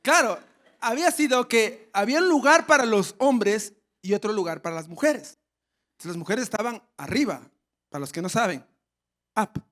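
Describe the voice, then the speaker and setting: A male pastor preaching a sermon, telling a funny story with lively acted shouts. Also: high voice, normal speed. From Ecuador. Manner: storytelling with humor and animated shouts.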